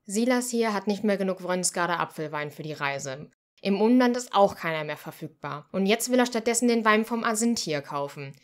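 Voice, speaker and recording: A woman's voice: medium pitch, lively intonation, normal speed, natural voice. Fretful male steward in a fantasy audiobook, resigned and anxious, read by a woman. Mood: worried. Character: fretful male steward, worried about money.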